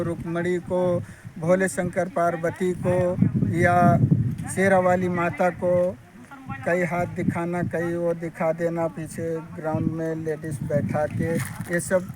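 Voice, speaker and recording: A man's voice: sits high, heavy background noise. A man, a village YouTuber, earnestly telling his life story to an interviewer, plain-spoken and calling him sir.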